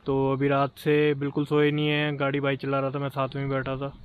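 A man's voice: medium pitch, completely flat delivery, a little fast, clean tone, highs cut off. A man in his thirties, a travel vlogger, talking to a handheld camera in a chatty, upbeat, easygoing way. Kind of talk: casual travel vlog talk to camera. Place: roadside, car interior and lakeside outdoors. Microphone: handheld camera at arm's length. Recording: road and traffic noise behind.

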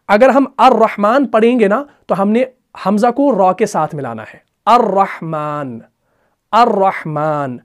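A man with a fairly high voice gives a grammar lesson on reading the Quran. He chants example words slowly and drawn out, then explains them. He keeps pausing to check that his students follow. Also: darkish tone. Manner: slow drawn-out recitation of example words, frequent "theek hai na" check-ins. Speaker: Quran teacher.

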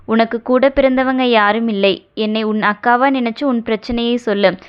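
A woman voicing a caring, older-sister friend who coaxes and gently scolds, read in an audio novel. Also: fairly high pitch, steady tone, normal speed, smooth, lightly acted. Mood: coaxing. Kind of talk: audio novel character reading. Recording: dull lo-fi recording.

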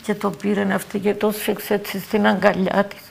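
An older woman with a Cypriot Greek accent giving halting eyewitness testimony, repeating words and phrases as she talks. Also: mid-range voice, little pitch movement, vocal fry, slightly rough. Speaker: eyewitness interviewee.

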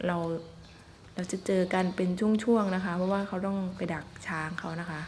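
A woman's fairly low, steady voice moves a little fast as she narrates a forest vlog while filming elephants. Chatty and polite, she uses soft particles often, and a little hiss or hum sits underneath.

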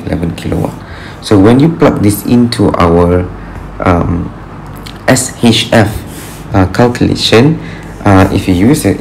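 Low gravelly-voiced male lecturer. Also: a little mellow, a little hiss or hum, poor audio. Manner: patient, thinking aloud with fillers. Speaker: engineering lecturer. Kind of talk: recorded tutorial walkthrough. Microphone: screen recording with voice-over.

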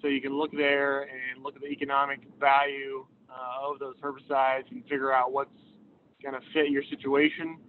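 A man's voice: monotone, normal speed. A man calling in by phone while driving on the interstate, presenting on weed control in a hesitant way with many filler sounds. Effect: phone call from a moving car. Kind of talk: informal presentation over the phone. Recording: tinny phone line with road rumble. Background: vehicle road noise.

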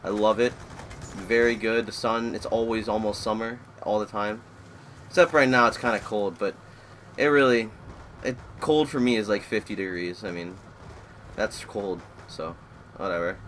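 A man's voice: lowish voice, fairly even intonation, normal speed, fairly bright tone, a little hiss or hum. A man in his twenties from Florida, chatting through live gameplay commentary and rambling as the match keeps pulling his attention. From Florida, USA. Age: 20s. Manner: rambling, easily distracted by the match. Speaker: gaming YouTuber.

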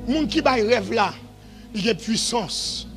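A man preaching a revival sermon in a shouted, sing-song style that falls to quieter stretches. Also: extremely high pitch, animated, a little slow, soft background music.

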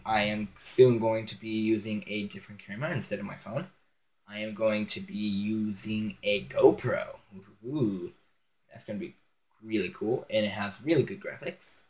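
A teenage boy who hosts a gaming channel rambles and giggles through casual game commentary, full of ums, from his bedroom at home. He's recorded on a phone on a stand, and his voice is fairly low with a darkish tone.

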